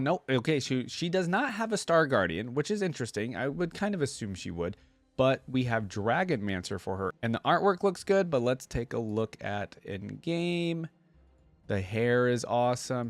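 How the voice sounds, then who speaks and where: Hosting a reaction video, a man speaks at medium pitch with no room sound in the recording. His commentary is relaxed and off the cuff, full of filler words as he thinks out loud.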